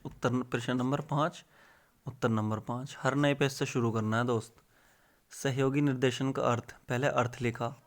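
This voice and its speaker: A young man teaching exam tips in a casual, rustic way, calling his viewers brother and friend. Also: mid-range voice.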